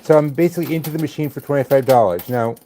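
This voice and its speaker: A man's voice: medium pitch, very fast, mellow, a little hiss or hum. An older man hosting a casual live stream, chatting to viewers with dry, wisecracking asides.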